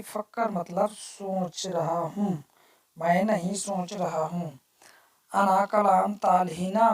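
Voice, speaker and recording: A woman gives a phrase lesson at an unhurried, measured pace, at a middling pitch. She repeats each phrase and then explains it word by word. Her voice sounds set back from a distant microphone. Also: a little mellow. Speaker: language teacher. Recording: voice distant from the mic.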